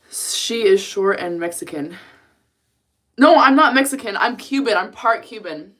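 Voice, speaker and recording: A woman's voice: medium pitch, lively intonation, takes it slowly, pauses often, fairly bright tone. A young woman from the United States chatting casually on a live stream, blunt and talkative, laughing often as she reads the chat aloud. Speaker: livestreamer.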